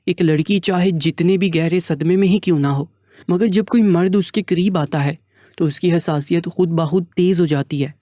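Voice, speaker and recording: A man reading a first-person scripted story in a steady, earnest tone. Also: fairly high pitch, no room sound, studio quality.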